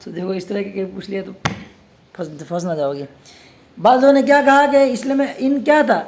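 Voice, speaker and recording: This high-pitched male teacher, whose voice has vocal fry and a slightly mellow quality, leads a religious studies lesson on the grammar of scripture. Questions go out to his students and he answers them himself, with slow Arabic readings and playful teasing along the way.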